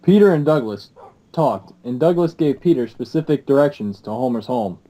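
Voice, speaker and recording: A man narrating a story in a plain, steady read-aloud manner. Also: fairly high pitch, normal speed, poor audio. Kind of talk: scripted narration.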